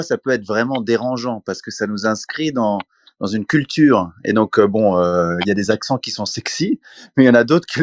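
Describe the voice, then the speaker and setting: A man adding his opinion in an online audio room, speaking in a measured way with many fillers. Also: medium pitch, no room sound, clean studio sound. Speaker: participant.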